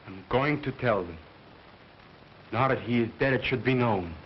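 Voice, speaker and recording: An actor playing a gruff, resentful household servant in early 1930s film style, on a muffled old soundtrack. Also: male voice, mid-range voice, moderate pace, slight background noise, natural voice. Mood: resentful, insistent.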